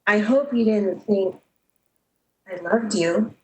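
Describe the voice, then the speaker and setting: A woman takes the role of a proud, lovestruck, heartbroken young switchboard operator in a melodramatic 1930s-style radio drama full of emotion, conveying hurt and pride. Her natural, mellow mid-range voice moves slowly. The audio carries a roomy echo and background noise.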